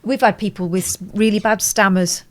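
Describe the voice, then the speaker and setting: Female co-host, mid-pitched, informal. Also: fairly even intonation, brisk. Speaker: co-host of a live phone-in show. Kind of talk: casual chat.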